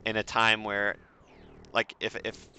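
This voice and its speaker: A man's voice: lowish voice, monotone, a little slow, bright, forceful tone, slight background noise. A man in casual voice chat, coaching another player through a raid in a laid-back way, swearing and laughing often. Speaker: raid carry host. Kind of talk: casual voice chat while gaming.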